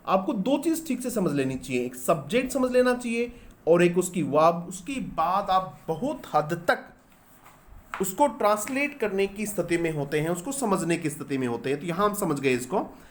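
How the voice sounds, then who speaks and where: A man teaching English grammar in a lesson. He explains step by step, asks questions and answers them himself, and spells words out letter by letter. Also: sits high. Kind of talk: classroom-style grammar lesson.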